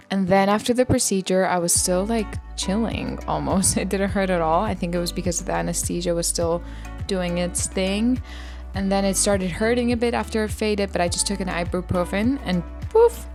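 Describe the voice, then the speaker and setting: A woman's voice: medium pitch, darkish tone. Chatty young woman vlogging. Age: young adult. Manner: chatty, self-deprecating, informal. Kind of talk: casual vlog narration and chat.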